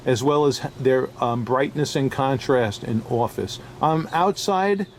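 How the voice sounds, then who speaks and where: A man's voice: mid-range voice, a little slow, darkish tone, slight background noise. A man with a New York accent, a diamond dealer talking through a casual, unscripted review, chatty and chuckling often. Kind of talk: casual product review vlog.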